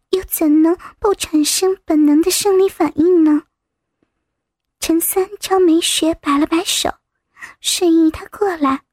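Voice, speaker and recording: A woman reading a story aloud as narrator, in a soft, slightly breathy manner. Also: very high-pitched, no echo, studio quality.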